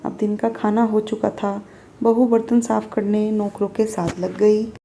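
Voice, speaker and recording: Female storyteller with a dark, mellow voice, for steady narration of a story. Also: mid-range voice, unhurried, vocal fry, a little hiss or hum.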